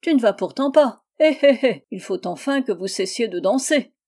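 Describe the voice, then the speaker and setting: A woman's voice: mid-range voice, lively intonation, normal speed, darkish tone, lightly acted. A woman reading aloud, voicing a jealous young male islander who taunts and cackles. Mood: taunting.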